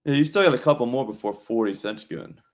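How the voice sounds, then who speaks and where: A man's voice: medium pitch, quick pace. A man in his thirties hosting a live sports betting stream in casual, laid-back chat that trails off at the ends of lines. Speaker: sports betting show host.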